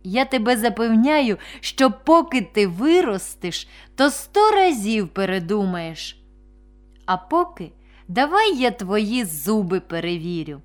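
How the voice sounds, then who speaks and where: A woman voicing a kind, middle-aged woman dentist who talks gently and persuasively in a storybook reading. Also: medium pitch, very animated, slow pace, faint music behind.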